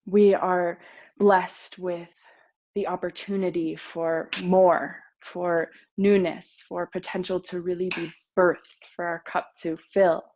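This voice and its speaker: Slow, soft-spoken woman yoga teacher. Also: fairly low pitch, highs cut off. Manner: gentle, soothing, with pauses. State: a little nervous. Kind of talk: guided meditation talk.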